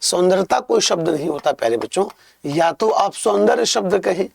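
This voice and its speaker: Male tutor, young, slightly high gravelly voice, dry close sound, patient and repetitive explainer. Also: lively intonation, normal speed, no echo. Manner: explains patiently, repeats key points, calls students "pyare bachchon". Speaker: Hindi exam-prep teacher. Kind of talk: online exam-prep lesson.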